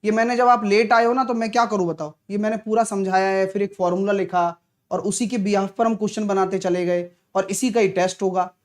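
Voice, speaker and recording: Soft-spoken Hindi maths teacher with sore throat. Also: male voice, sits high, fairly even intonation, a little fast. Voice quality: clears throat often, talks softly to spare it. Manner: chatty, teasing, answers viewers' comments. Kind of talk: live online maths class.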